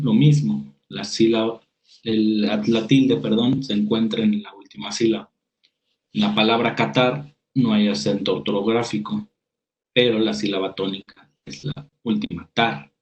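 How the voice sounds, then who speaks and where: Low-voiced man teaching spelling rules. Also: steady tone, unhurried, darkish tone, poor audio. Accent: Mexican Spanish. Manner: reads definitions aloud, then explains with examples and small restarts. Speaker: writing workshop instructor. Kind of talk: spoken lecture over slides.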